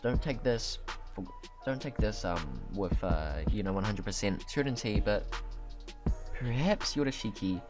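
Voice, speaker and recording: Over music, a YouTube anime commentator hosts a casual video, speculating conversationally as he thinks aloud and corrects himself. His voice sits on the low side, with lively intonation and a slightly slow pace.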